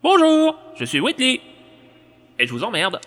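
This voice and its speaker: A man's voice: extremely high pitch, wildly swooping pitch, moderate pace, fairly bright tone, full character voice. A man voicing a chatty, clumsy male robot sidekick in an eager, jumpy fan dub over game music.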